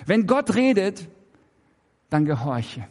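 A man preaching a sermon, emphatic and full of rhetorical questions, swinging between raised and hushed delivery. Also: sits high, big pitch swings, slow, long reverb tail.

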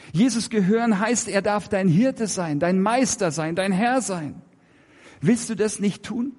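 A man with a high-pitched voice preaches a sermon in a large hall, emphatic and full of rhetorical questions. His delivery swings between loud, raised passages and hushed moments.

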